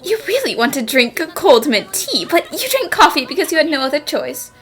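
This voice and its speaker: Young female sleuth, overacted anime dub, high-pitched, very animated, theatrical, music underneath. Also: brisk. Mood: cocky, teasing. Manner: exaggerated, theatrical delivery. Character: eager young female detective and haughty female criminal analyst. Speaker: voice actor in a fan dub. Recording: music behind the voice.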